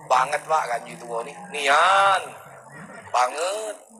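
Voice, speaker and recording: A man's voice: fairly high pitch, lively intonation, slow pace, noisy background. A male preacher, giving a humorous sermon full of stories and acted-out quotes. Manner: jokey storytelling with acted-out quotes.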